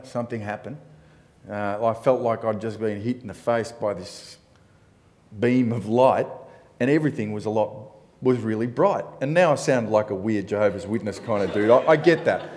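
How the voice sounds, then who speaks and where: A man's voice: mid-range voice, darkish tone. A man speaking in a group discussion, telling a personal story in a rambling, self-mocking way, laughing now and then. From Italy. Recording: long hall reverb.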